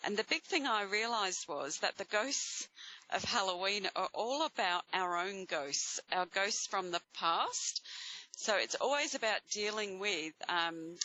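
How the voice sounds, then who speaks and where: A woman with an Australian accent and a bright voice, hosting psychic readings and speaking in a reassuring, encouraging way. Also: on the low side, no echo, muffled recording. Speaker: host giving live psychic readings to callers. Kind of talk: spiritual guidance talk to audience and caller.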